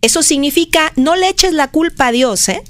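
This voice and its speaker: A woman, a motivational speaker on a radio show, preaching with many rhetorical questions and a pace that swings between fast and slow. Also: high-pitched, no room sound. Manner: expressive, switching between fast and slow delivery. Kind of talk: radio conversation.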